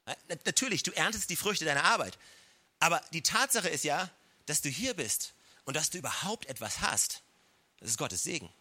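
Bright-voiced man preaching a sermon. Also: lively intonation, normal speed. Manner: addresses listeners directly with emphatic repetition; drops to a low soft voice to stress key words. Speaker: pastor. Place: church service. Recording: live church recording.

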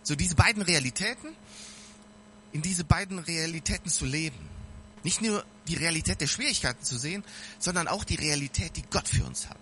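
Casual preacher, male, bright and fairly high voice, addresses the congregation directly. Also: animated, fairly quick, slight background noise. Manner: speaks directly to listeners, casual and earnest. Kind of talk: informal sermon.

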